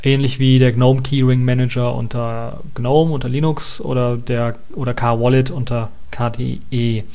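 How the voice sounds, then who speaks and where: A man's voice: medium pitch, level tone, moderate pace, mellow. A man giving a casual spoken review of an operating system release, thinking aloud with many hesitations and restarts. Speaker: tech reviewer.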